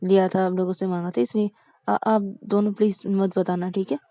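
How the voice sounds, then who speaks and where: A woman voicing a hot-tempered, scheming young man who speaks in loud exclamations. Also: mid-range voice, level tone, fairly quick, no room sound, close to an everyday voice. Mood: pleading.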